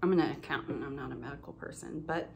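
A woman chats casually to her camera at home, showing off her stitching with plenty of ums and restarts. Her voice sits low with a gravelly edge and sounds a little congested. A faint hiss runs under the recording. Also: fast talker. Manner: chatty, rambling, many ums and self-corrections. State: slightly congested, coughing now and then. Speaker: cross-stitch vlogger. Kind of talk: casual show-and-tell chat.

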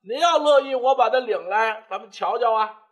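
A man's voice: extremely high pitch, moderate pace. A man doing an eager chatty old matchmaker woman. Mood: coaxing. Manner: coaxing, eager.

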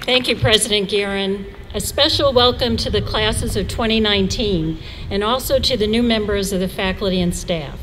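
A woman in her sixties from New York City, giving a measured, storytelling convocation address as chair of the trustees. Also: medium pitch, fairly bright tone, some chatter behind, slight background noise, poor audio. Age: 60s. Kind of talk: formal speech.

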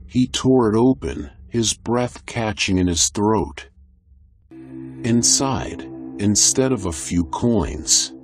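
A man reads a scripted story in a measured, descriptive way. His voice sits low and his pace is very slow. Soft music plays faintly beneath the narration. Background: faint background music.

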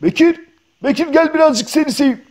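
A man's voice: very high-pitched, expressive, brisk, darkish tone, voice pushed up. A man playing a pet owner who calls out and teases the animals. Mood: calling. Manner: calling out, teasing.

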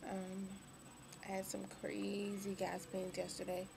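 A young woman speaking casually to camera, tired and weak after surgery, low on energy and hesitant. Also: completely flat delivery, a little slow. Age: young adult. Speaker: vlogger. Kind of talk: casual video diary. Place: hospital room. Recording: clearly noisy webcam recording, room ambience.

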